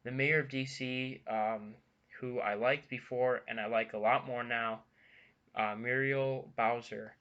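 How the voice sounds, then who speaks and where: A young man talks through the news in a casual vlog, earnest and halting, with frequent ums and restarts. His voice is bright and forward at a middling pitch. The recording is dull and lo-fi. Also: fairly even intonation. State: a bit out of breath. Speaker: vlogger.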